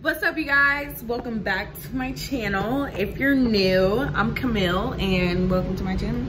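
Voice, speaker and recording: A woman's voice: on the high side, moderate pace, over music, poor audio. A young woman opening her vlog in a chatty, grateful way, full of "um" and "y'all". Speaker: vlogger. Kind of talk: casual vlog intro.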